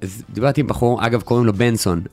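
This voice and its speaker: A man's voice: mid-range voice, fairly even intonation, a little mellow. A man co-hosting a radio show, trading playful, teasing banter in casual chat. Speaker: radio co-host.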